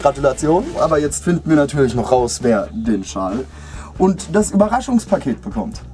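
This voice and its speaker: A man's voice: on the high side, very animated, moderate pace, dark tone, faint music behind. A man in his thirties making a casual giveaway announcement as a channel host, chatting informally and directly to his viewers in a room at home.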